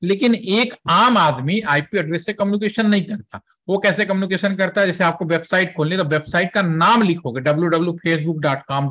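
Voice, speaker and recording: With a slightly high, fairly bright voice, a man leads a networking lecture that includes a software demo. His step-by-step explanations are chatty and sprinkled with English terms, and he periodically checks with questions that the students are following.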